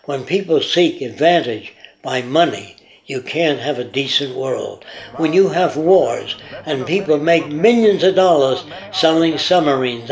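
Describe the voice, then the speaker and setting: A man in an interview talks in firm, emphatic statements. His voice sits a little high. He builds long lists one item at a time. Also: poor audio. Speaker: interviewee, project director. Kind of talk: unscripted interview monologue.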